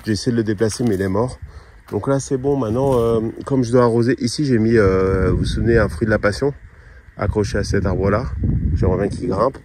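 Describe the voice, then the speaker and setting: Low-voiced French man, relaxed outdoor vlog. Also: a little fast, rough recording. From France. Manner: easygoing, chatty, many hesitations. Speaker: vlogger planting a tropical garden. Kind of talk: casual outdoor vlog talk. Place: outdoor plantation on a hot day. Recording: loud outdoor background noise.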